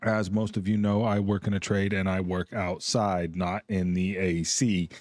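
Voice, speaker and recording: A middle-aged man with a lowish, dry-sounding voice talks to his live stream chat from a home gaming room. He sounds worn out after a long week and rambles along easily, chuckling as he goes. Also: little pitch movement, a little slow, darkish tone, no echo. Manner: rambling, easygoing, chuckling between thoughts. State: tired, yawning.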